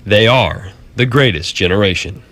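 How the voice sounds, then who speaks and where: A man's voice: lowish voice, normal speed, a bit bright, soft background music. A man with an American accent reading scripted narration as a television news reporter.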